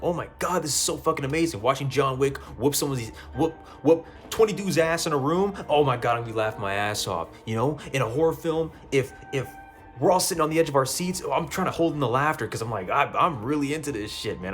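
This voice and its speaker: A man talking casually about a video game ending, excitable, swearing freely and often stumbling over and repeating his words. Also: medium pitch. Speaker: gaming youtuber. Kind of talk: casual game review monologue. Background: faint music.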